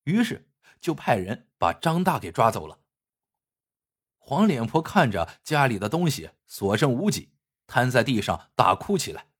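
A man telling a folk tale with a lively storyteller's cadence. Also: medium pitch, measured pace, breathy edge.

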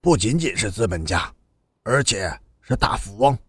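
A tearful, despairing young man, as an audiobook narrator voices him, speaking low and choked, as if pleading. The voice has a husky edge. It is recorded close and dry. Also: very animated, a little slow, no echo, full character voice. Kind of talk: audiobook character voice.

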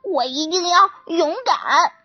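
A woman's voice: very high voice, slow, dull audio, faint music behind. A woman voicing a frightened, timid little crocodile in a children's storybook, stammering and whimpering. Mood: scared.

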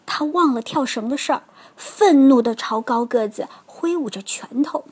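A woman reading a children's storybook aloud, slow and expressive. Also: high-pitched. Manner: slow, expressive, clearly paced.

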